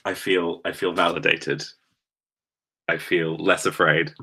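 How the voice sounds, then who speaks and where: Male streamer, low voice, jittery, self-deprecating casual chat with viewers. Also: little pitch movement, takes it slowly, sharp tone, breathy edge. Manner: nervous, rambling, self-deprecating. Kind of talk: casual chat reading live comments.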